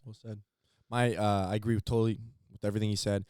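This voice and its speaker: A teenage man co-hosting a podcast in casual chat, halting and repeating words as he thinks. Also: on the low side, flat delivery, darkish tone, clean tone, no echo, studio quality. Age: teens. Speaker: podcast co-host.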